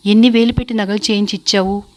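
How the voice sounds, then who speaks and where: A quiet, heartbroken young wife who holds back her tears and speaks softly and hesitantly, as a woman narrator voices her. Her words are restrained and sorrowful, in a spoken storybook. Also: medium pitch, fairly even intonation, quick pace, close to an everyday voice. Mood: subdued. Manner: soft, grieving, hesitant.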